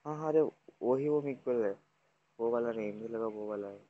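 A man's voice: mid-range voice, brisk, muffled recording. A man streaming a mobile battle game live, talking to viewers and urgently calling out instructions to his teammates. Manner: excited, shouts instructions to teammates. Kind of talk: live gameplay commentary.

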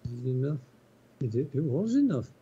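A man playing a golf video game, chatting easily with a friend and thinking out loud as he reads his putts. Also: medium pitch, very animated, fairly quick, slight background noise. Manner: easygoing, thinks aloud with restarts. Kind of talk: casual gaming chat. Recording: dull lo-fi mic.

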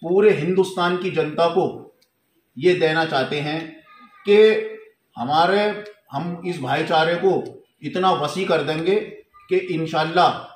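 A man, a goat farm owner, giving a formal and earnest thank-you speech into a handheld mic indoors, surrounded by a crowd. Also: fairly high pitch. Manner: slow, earnest, formal Urdu phrasing. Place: indoor hall with a crowd of men. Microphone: handheld mic held close. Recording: echoey room with some noise.

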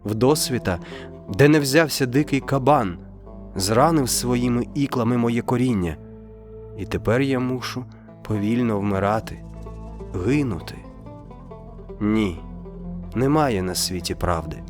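A man's voice: mid-range voice, unhurried, pauses often, music in the background, close to an everyday voice. A man voicing a sorrowful, dying female palm tree in a storybook reading, in a despairing tone. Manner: despairing, somber.

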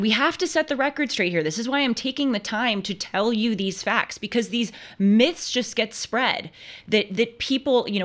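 A woman's voice: medium pitch, a bit bright. A young woman in her twenties hosting a studio talk show, giving emphatic, argumentative commentary with frequent restarts. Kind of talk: opinion commentary. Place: studio with purple lighting.

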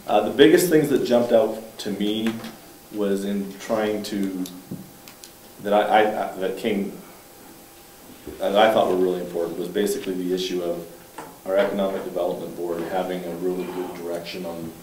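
Deep-voiced male councillor, halting delivery. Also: fairly even intonation, darkish tone. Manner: halting, with restarts and fillers, matter-of-fact. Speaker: town councillor. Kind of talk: reporting at a council meeting. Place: council chamber, indoors. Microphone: far room mic. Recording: echoey room, distant mic, faint hiss.

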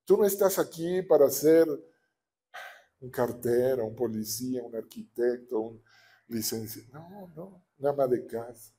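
Dark-voiced Mexican pastor preaching. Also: male voice, mid-range voice, measured pace. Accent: Mexican Spanish. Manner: animated, asks the congregation for agreement. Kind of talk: sermon.

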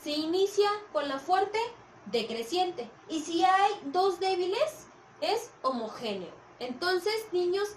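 A woman teaching a primary school class on video, patiently checking in with the children as she explains. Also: sits high. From Mexico. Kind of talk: recorded video lesson for children. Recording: echoey room, from a distance, faint hiss.

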